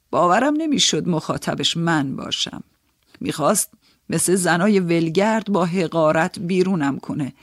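A man narrating an audiobook in a measured, storytelling manner. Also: on the high side, husky, no echo, studio quality. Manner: measured, storytelling, first-person.

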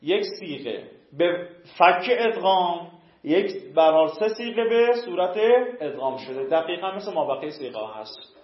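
A man teaching a class, raising questions and answering them himself as he goes. His voice sits high, and he draws out word forms in a slow chant. The recording is dull and lo-fi, with a roomy echo around him. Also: animated. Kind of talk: classroom lesson. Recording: echoey room, dull lo-fi sound.

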